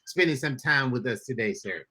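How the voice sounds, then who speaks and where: A man's voice: mid-range voice, expressive, moderate pace, pushed and bright, slightly rough. A man, a pastor, hosting a casual podcast chat in an upbeat, folksy way, talking to listeners as y'all. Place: Florida.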